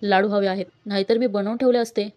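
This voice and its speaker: A woman voicing a gentle young wife who pleads earnestly. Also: medium pitch, steady tone, fast talker, lo-fi sound, natural voice. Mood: pleading.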